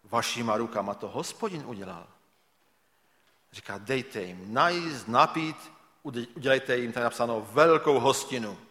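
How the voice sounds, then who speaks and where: Male preacher, mid-pitched voice, retells scripture as a story with rhetorical questions, long hall reverb. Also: sharp tone. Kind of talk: sermon with Bible reading.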